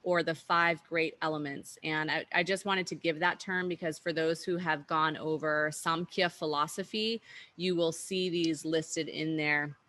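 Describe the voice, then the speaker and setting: A woman's voice: deep voice, steady tone, measured pace, sharp tone. A woman teaching an online workshop, explaining at an easygoing pace with frequent fillers and restarts, over a video call.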